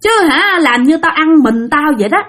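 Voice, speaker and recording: A woman voicing a drunk, boastful old gravedigger man, taunting loudly. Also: high-pitched, lively intonation, normal speed, pitched above the performer's own voice. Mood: scornful boasting. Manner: loud mocking taunts.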